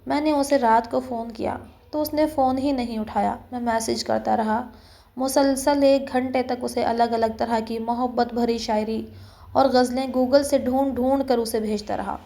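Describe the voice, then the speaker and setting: A woman telling a romantic story in steady, scripted first-person narration. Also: fairly high pitch, vocal fry.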